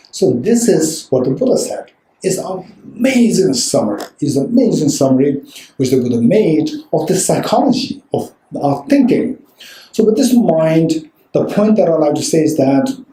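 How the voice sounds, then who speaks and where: A man's voice: on the high side, dark tone. A man teaching as a Buddhist teacher to a live audience, talking conversationally, checking in with the room and repeating phrases for emphasis. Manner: conversational, checks in often with "right?" and "okay". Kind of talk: dharma talk to a live audience. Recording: roomy echo.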